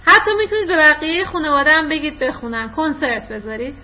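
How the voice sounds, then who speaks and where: Brief: female teacher on a video call, higher-pitched, warmly praising, lo-fi dull sound. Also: expressive. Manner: encouraging, quick to praise. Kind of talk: online class, coaching children to read aloud. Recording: dull lo-fi online call audio.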